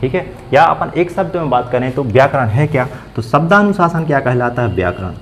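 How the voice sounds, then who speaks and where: Guy teaching grammar, mid-pitched voice, keeps asking then answering himself, bit of hiss behind. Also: expressive, brisk, poor audio. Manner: asks questions and answers them himself, repeating key words. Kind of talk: classroom-style grammar lesson.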